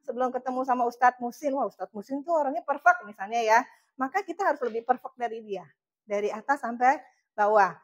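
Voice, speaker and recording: A woman's voice: fairly high pitch, fast talker. A woman giving a casual, emphatic motivational training talk and laughing often. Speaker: motivational trainer for charity fundraisers.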